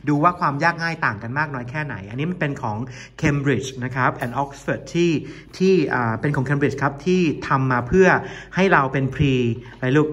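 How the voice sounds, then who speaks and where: A man's voice: medium pitch, fairly bright tone, a little hiss or hum. A man teaching English with a Thai accent, encouraging his students and switching between English and Thai in a casual classroom manner.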